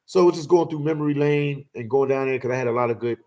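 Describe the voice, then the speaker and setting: Unhurried and loose, a forty-something host from Philadelphia reminisces during a casual livestream. His pitch is medium, and his storytelling is full of "man" and "you know."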